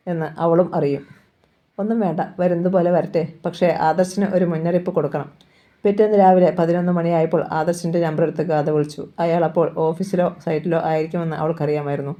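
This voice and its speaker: A woman with a Malayali accent narrates a novel aloud, voicing every character's dialogue in her own voice. Her tone is low and warm, never bright. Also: fairly even intonation, fairly quick.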